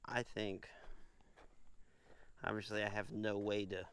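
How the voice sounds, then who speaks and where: Low gravelly man rambling outdoors. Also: takes it slowly, a little hiss or hum. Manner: rambling, relaxed, uses fillers. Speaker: firearms channel host. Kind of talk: casual outdoor shooting vlog. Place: outdoor shooting range.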